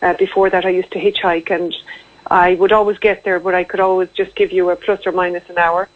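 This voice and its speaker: A woman's voice: fairly low pitch, little pitch movement, brisk, no room sound. West of Ireland woman on a tinny phone line. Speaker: interview guest, entrepreneur. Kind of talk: radio interview, recounting own story. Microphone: telephone.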